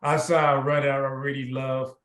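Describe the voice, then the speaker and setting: A man's voice: mid-range voice, flat delivery, normal speed, fairly bright tone. A man hosting a casual interview, talking in a loose, rambling way with constant filler affirmations. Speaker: podcast host. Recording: roomy video call audio.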